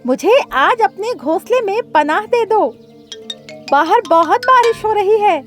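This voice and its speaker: A woman voicing a greedy, scheming male crow in a cartoon, with a shrill, boastful manner. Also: animated, measured pace, soft background music.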